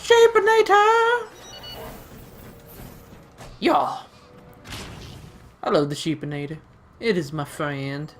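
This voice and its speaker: A man's voice: a little high, normal speed, soft background music. A man giving casual, rambling gameplay commentary, playfully talking to himself and the game. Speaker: let's-play gamer.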